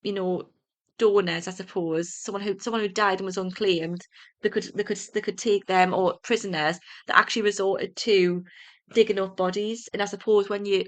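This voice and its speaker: A young woman co-hosts a podcast, reading out a prepared story. She trips on words now and then, corrects herself, and drifts into relaxed asides. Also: medium pitch, normal speed. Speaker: podcast co-host.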